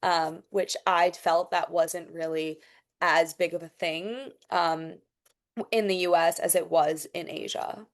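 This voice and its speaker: On a podcast, a young adult international student gives thoughtful interview answers, often hesitating. Her mixed international accent stretches vowels in a way that comes from Thai, and her lowish voice is unhurried with fairly even intonation.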